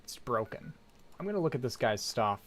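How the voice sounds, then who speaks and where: A man's voice: mid-range voice, very animated, a little fast, fairly bright tone, no echo. A man streaming a game live, rambling casually and reacting to his chat with loose jokes. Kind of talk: casual live gameplay commentary.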